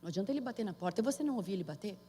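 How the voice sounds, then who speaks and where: A woman's voice: medium pitch, expressive, rapid-fire, mellow, breathy edge. Brazilian woman preaching in a reverberant hall. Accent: Brazilian Portuguese. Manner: conversational, calls to the audience for amen. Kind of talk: sermon.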